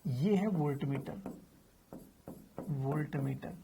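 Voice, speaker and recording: A man with a medium-pitched voice teaches physics at a slow pace, with background noise audible. His informal, chatty lecture has him asking and answering his own questions while speaking to students familiarly and using slang.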